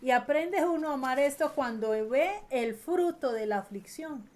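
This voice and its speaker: High-voiced woman preaching earnestly. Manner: earnest, slows and stresses key phrases, trails off softly at ends. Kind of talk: sermon.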